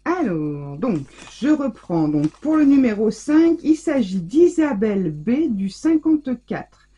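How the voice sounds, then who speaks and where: A woman's voice: a little high, very animated, takes it slowly, dark tone, husky, highs cut off. A woman hosting a casual scrapbooking vlog, effusively gushing over the handmade gifts she unwraps. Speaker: scrapbooking channel host. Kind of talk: casual mail-opening vlog.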